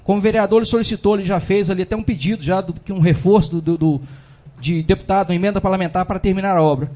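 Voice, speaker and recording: A man's voice: high voice, racing, dark tone. A man giving an indignant speech as a city councilman in a council chamber, full of repeated fillers.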